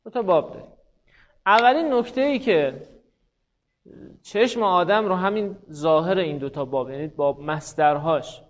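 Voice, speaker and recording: Here a high-pitched man teaches grammar to a classroom, breaking it down in steps, slowly repeating each form and putting questions to students by name. The audio sounds dull.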